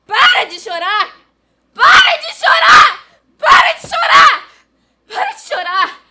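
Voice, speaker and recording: A woman performing a frantic young mother at the breaking point, in a very high, bright, piercing voice that swings wildly in pitch. She screams and sobs her stage monologue with raw anguish. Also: lively intonation, moderate pace, exaggerated voice. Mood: desperate shouting. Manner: screaming, sobbing and laughing in anguish. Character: desperate young mother overwhelmed by a crying baby.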